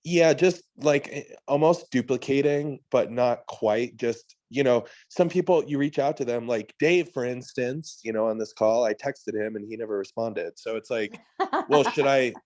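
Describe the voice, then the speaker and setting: A man losing his voice, asking a trainer hesitant, halting questions on a video call. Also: mid-range voice, a little mellow.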